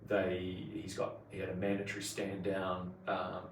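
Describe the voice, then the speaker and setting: Man, 40s, broad New Zealand accent, slangy podcast guest, deep-ish voice, recorded a little away from the mic. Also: monotone, moderate pace. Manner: colloquial and slangy. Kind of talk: casual interview chat. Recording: roomy echo, distant mic, faint noise.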